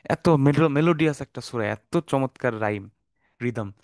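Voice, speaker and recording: A Bangladeshi man who teaches Quranic Arabic gives an online class lecture in a dry room with no echo. His voice is medium in pitch and moderately paced, and he explains in a relaxed way, dropping in fillers and side remarks.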